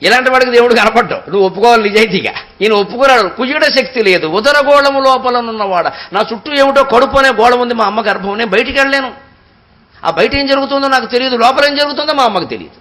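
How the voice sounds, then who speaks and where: A man giving a devotional discourse, telling stories expressively and chanting verses slowly and at length. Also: extremely high pitch. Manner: expressive storytelling, slow drawn-out verse recitation. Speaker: spiritual discourse speaker.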